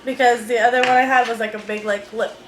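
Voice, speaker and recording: A woman's voice: fairly high pitch, fairly even intonation, quick pace. A young woman vlogging at home, chatting casually about beauty products with lots of fillers. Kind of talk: casual unboxing chat. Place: room at home. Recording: echoey room, faint noise.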